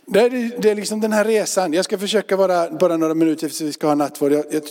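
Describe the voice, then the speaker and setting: Guy pastor chatting through a sermon, kinda high voice, church echo all around. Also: steady tone, darkish tone. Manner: informal, conversational preaching with fillers and repeats. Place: church sanctuary. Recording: reverberant church hall.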